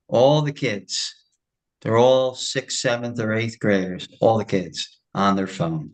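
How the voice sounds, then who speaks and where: A man, a retired schoolteacher, leading a spiritual class and telling a story in a casual, animated way. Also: on the low side, slow, low-quality recording. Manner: animated storyteller, acts out quoted voices. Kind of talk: casual storytelling after a lecture.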